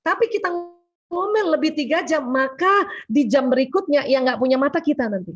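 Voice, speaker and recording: A woman giving a lively religious health talk as guest speaker on a video call, acting out quoted dialogue as she goes. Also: high-pitched, a little fast. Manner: animated, acts out quoted dialogue. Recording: dull lo-fi call audio.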